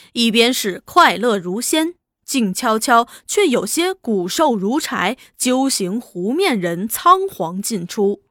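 A woman narrating a serialized novel in an expressive, lively storytelling manner. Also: a little high, no echo, clean studio sound. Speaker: audiobook narrator.

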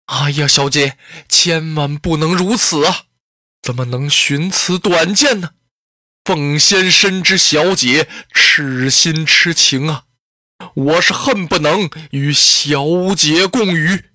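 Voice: medium pitch, slow, pushed and bright, dry recording, studio quality. A storyteller voicing an anxious, lovesick young warrior who speaks in earnest exclamations, in traditional Chinese storytelling.

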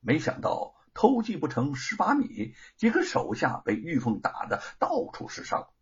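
Husky, animated male storyteller. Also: fairly high pitch, normal speed, dull audio. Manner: dramatic, animated narration. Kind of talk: traditional oral storytelling.

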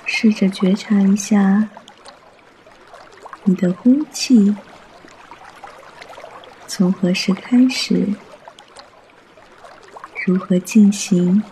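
Soft, slow, high-voiced male meditation guide. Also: slight background noise. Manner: soft, soothing, unhurried delivery.

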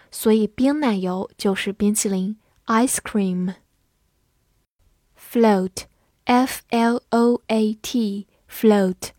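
A woman teaching English vocabulary, spelling out words letter by letter and reading example sentences slowly. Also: mid-range voice, darkish tone, dry recording, clean studio sound. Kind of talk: vocabulary lesson.

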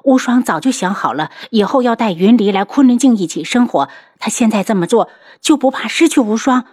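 A woman voicing a quick-tempered young pregnant princess who speaks high and urgently. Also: expressive, a little mellow. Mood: indignant.

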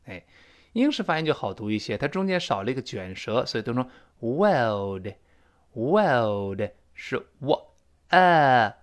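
A man's voice: mid-range voice, very animated, quick pace. A middle-aged man, a native Chinese speaker, teaching a spoken English lesson and repeating phrases for drill.

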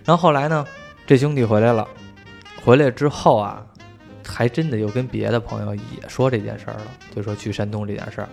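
A man's voice: fairly low pitch, fairly even intonation, fairly quick, gravelly, a little mellow, soft background music. A man telling a story in casual chat, swearing freely and laughing along.

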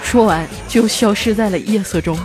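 A woman hosting a comic storytelling podcast, chatty and lively, stretching out her sentence endings. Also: medium pitch, moderate pace, music in the background. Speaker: host.

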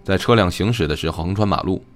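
A man doing a brisk, reproachful doctor. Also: sits low, natural voice. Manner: brisk, matter-of-fact, reproachful.

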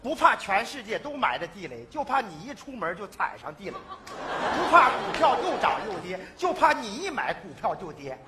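A man performing a live comedy sketch on stage, pleading and excitable, shouting his punchlines. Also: high voice, normal speed. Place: stage before a live audience. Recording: noisy live stage with audience laughter. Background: audience laughter and hall noise.

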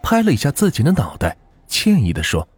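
A man narrating a folk ghost story as the channel's host, in a dramatic, lively storytelling manner. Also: medium pitch, fairly quick, breathy edge, dry recording.

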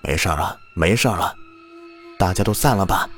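A man voicing a stern old village exorcist who scolds and commands loudly. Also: sits low, fairly quick, faint music behind. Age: older.

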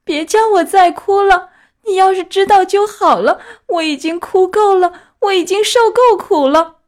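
A woman voicing an eager, excitable wooden puppet boy in a children's story reading, high and pleading. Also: fairly quick. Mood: tearful pleading.

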